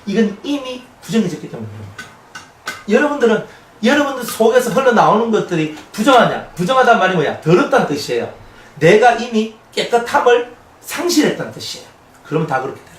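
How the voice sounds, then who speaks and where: A male pastor preaching an expository sermon, conversational and animated, often asking the congregation questions. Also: sits high. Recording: echoey room, mic at a distance, faint noise.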